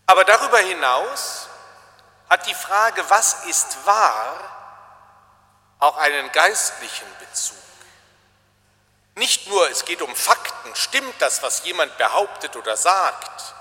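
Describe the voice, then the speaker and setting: A man giving a reflective sermon as a preacher, speaking slowly, deliberately and with emphasis. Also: high voice, sing-song, sharp tone. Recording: long hall reverb.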